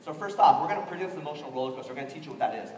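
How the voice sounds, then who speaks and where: A man giving an animated motivational training talk to a room, acting out the people he quotes. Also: on the high side, a little hiss or hum. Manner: animated, quick-talking, acts out quoted people. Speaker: network marketing trainer. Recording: echoey hall from far off.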